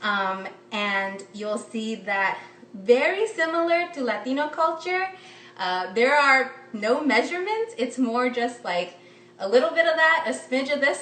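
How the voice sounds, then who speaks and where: A woman's voice: fairly high pitch, expressive, measured pace, a bit bright. Upbeat woman on a kitchen phone stream. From United States. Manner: chatty, upbeat, lots of ums. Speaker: cooking instructor. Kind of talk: live-streamed cooking demo. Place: home kitchen, indoors. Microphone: phone camera propped close. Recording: roomy, slightly distant phone audio.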